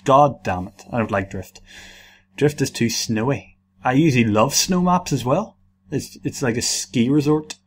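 A man's voice: medium pitch, a little slow, husky. A man giving casual, playful gameplay commentary, rambling along, repeating words and exclaiming. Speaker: gamer recording gameplay commentary.

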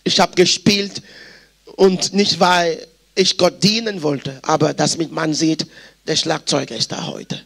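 A man preaching a sermon, animated and emphatic, repeating phrases and telling personal stories with laughter. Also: a little high, measured pace, gravelly.

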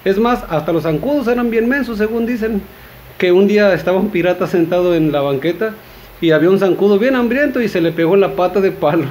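A man with a Mexican accent tells one short joke after another, rambling with fillers and chatting asides to his audience. His voice sits somewhat high for a man. A faint background noise runs under the recording. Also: fast talker. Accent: Mexican Spanish. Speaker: joke teller. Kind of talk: telling short jokes.

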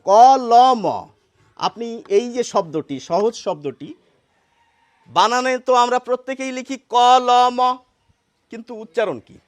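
A man's voice: extremely high pitch, unhurried. A man explaining spelling rules step by step, asking and answering his own questions. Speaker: Bengali spelling teacher. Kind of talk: explanatory lesson.

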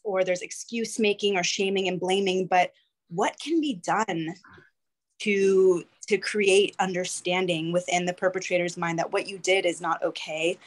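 A woman from California, an audience member at a talk, asking a friendly, somewhat hesitant question with many fillers. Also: fairly low pitch.

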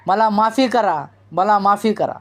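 A reader voicing pregnant young village woman, terrified, begging, slow, audiobook reading. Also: medium pitch, close to an everyday voice. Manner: desperate pleading.

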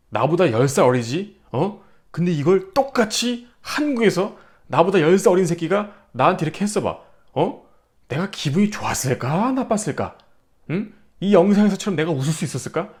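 Brash, animated Korean man telling stories. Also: on the high side. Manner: brash, profane, acts out quotes. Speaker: vlogger. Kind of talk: casual storytelling monologue.

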